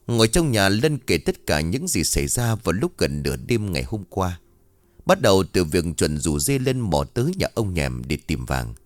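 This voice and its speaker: Expressive low-voiced male storyteller. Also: no room sound. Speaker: audiobook narrator. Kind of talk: scripted ghost story narration.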